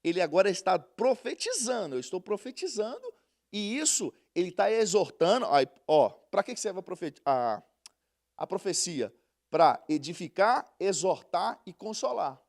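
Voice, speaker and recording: Man, Bible study teacher, high voice, gravelly edge, conversational. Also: big pitch swings. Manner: conversational, tells anecdotes, reads scripture slowly.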